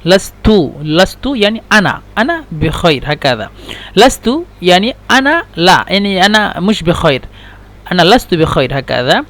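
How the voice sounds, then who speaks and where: A male Arabic teacher giving a slow lesson, repeating each phrase several times with many hesitations. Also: high-pitched, sing-song, a bit bright. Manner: hesitant, with many fillers and restarts. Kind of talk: slow repetitive language lesson.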